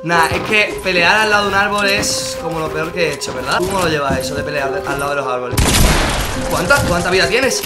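A high-voiced young man with a Spain Spanish accent talks fast through his gameplay, chatting to his viewers and breaking into excited shouts. Game music plays clearly behind him. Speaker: gaming youtuber. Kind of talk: live gameplay commentary.

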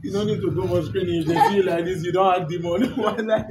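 A man's voice: sits high, steady tone, fast talker, darkish tone. A young man with a Nigerian accent in boisterous, casual banter as a contestant in a party game. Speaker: challenge contestant. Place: outdoor yard against a painted wall. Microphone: far camera. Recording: very noisy, echoey camera sound.

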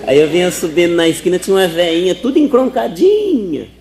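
A man's voice: high voice, animated, fairly quick, a crowd in the background, background noise. A man telling folksy jokes in colloquial speech at a live stage show. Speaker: comedian. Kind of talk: stand-up joke telling.

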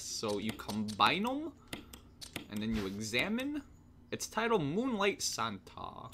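A man's voice: mid-range voice, fairly bright tone, a little hiss or hum. Jokey man commentating a game. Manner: jokey, laughs often, swears casually. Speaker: let's play gamer. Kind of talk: casual gameplay commentary.

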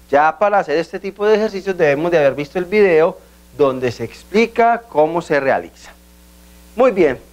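High-voiced man teaching a language lesson. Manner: slow, deliberate pronunciation drills with frequent "¿cierto?" check-ins.

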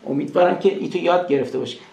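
Man, English teacher, gravelly voice, somewhat high, echoey room. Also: mellow, lo-fi sound. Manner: chatty, addresses students as kids, repeats English phrases slowly. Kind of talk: recorded screen-share grammar lesson.

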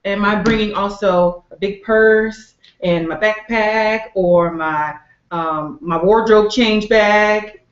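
A woman's voice: medium pitch, steady tone, slow pace. A woman interviewing a guest, asking questions and summing up his answers. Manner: engaged, asks questions and sums up answers. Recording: roomy, dull lo-fi sound.

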